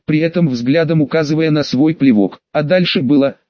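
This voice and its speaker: Male audiobook narrator, first-person, measured, slightly high voice, dry dull audio. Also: dry recording.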